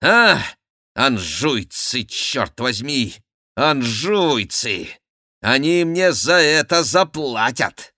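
A man voicing a hysterical, furious middle-aged French king who shouts in drawn-out outbursts. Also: mid-range voice, big pitch swings, dry recording, studio quality, pitched above the performer's own voice, exaggerated voice. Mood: raging.

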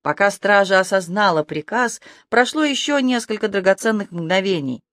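A lively audiobook narrator reads a fantasy adventure in a medium pitch, jumping higher and louder during the fast action scenes. The reading is expressive, and the recording is dry and close with no room sound.

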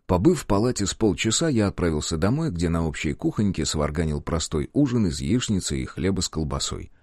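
A man narrating an audiobook in the first person, with expressive storytelling. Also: sits low, brisk, dry recording, clean studio sound.

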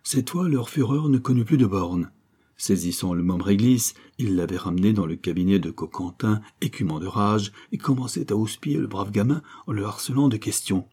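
A man reading a serial novel aloud as audiobook narrator, measured and literary. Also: fairly low pitch, warm tone, breathy edge. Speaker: audiobook reader.

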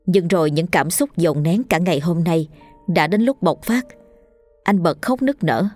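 A woman's voice: lowish voice, measured pace, a little mellow, faint music behind. Woman narrating a ghost story.

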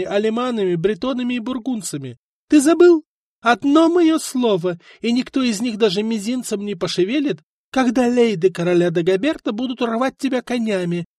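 A man's voice: very high voice, a little mellow, no room sound, studio quality, pitched above the performer's own voice. A man voicing a proud noblewoman princess who speaks coldly and firmly, in a storybook reading. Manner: cold, firm, disdainful.

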